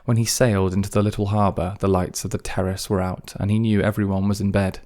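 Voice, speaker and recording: A man narrates an audiobook in a very deep voice. His delivery stays flat and steady throughout, with little rise and fall. The reading is calm and measured. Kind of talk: scripted narration.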